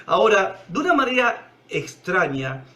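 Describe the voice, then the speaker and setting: A man with a Rioplatense accent preaching a sermon, emphatic, swinging from loud cries to hushed low tones. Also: big pitch swings, unhurried. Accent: Rioplatense Spanish.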